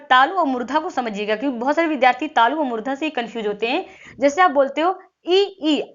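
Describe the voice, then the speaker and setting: Woman teacher, high voice, patient step-by-step explaining, dull lo-fi audio. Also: fairly bright tone. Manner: explaining step by step, repeating sounds aloud; frequent "thik hai" check-ins. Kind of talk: exam-prep lesson.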